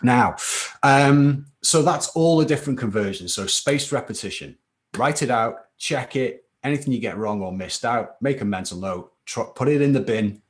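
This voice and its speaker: A man's voice: mid-range voice, expressive, normal speed. A man teaching chemistry in a live online class, chatty and informal, checking in with "okay?" after each point. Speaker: chemistry tutor. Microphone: computer mic for a live stream.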